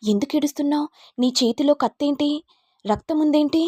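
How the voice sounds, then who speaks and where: A woman's voice: high voice, a little fast, a little mellow, no echo, clean studio sound, voice pushed up, close to an everyday voice. A woman voicing an alarmed elder sister who keeps asking anxious questions. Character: alarmed older elder sister, demanding answers.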